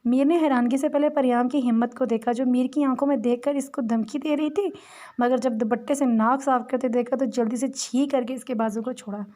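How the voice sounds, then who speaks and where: Brief: female audiobook narrator, plain steady reading, slightly high voice. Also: a little fast. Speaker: novel reader. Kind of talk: audiobook narration of a romance novel.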